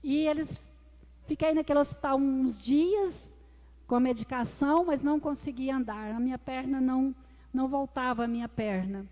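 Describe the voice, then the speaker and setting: High-voiced woman testifying in a church. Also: moderate pace, mellow. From Brazil. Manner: emotional storytelling, addresses the congregation as brothers. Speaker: deaconess giving a testimony. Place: church hall. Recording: reverberant church hall with music.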